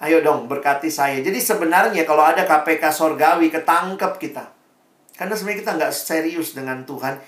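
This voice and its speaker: A preacher giving a sermon in a lively, conversational storytelling manner. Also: medium pitch, fast. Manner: conversational, animated storytelling, varied pace. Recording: echoey room, voice far from mic.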